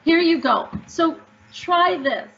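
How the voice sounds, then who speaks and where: A woman's voice: very high voice, lively intonation, slow, creaky, bright, forceful tone, slight background noise. A woman author answering interview questions, upbeat and emphatic as she tells stories. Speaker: author guest. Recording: dull lo-fi audio.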